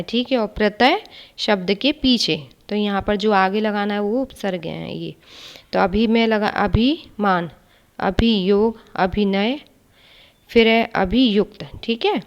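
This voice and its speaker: A woman teaching a children's grammar lesson, patiently spelling out words letter by letter and often adding a quick check-in question. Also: medium pitch, dull audio. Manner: often adds tag questions.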